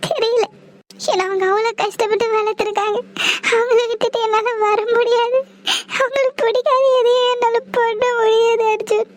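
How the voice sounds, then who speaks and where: A woman's voice: extremely high pitch, moderate pace, background noise. A woman voicing a timid young woman in a cartoon, pleading and tearful, torn between her lover and her family. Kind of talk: cartoon voice acting.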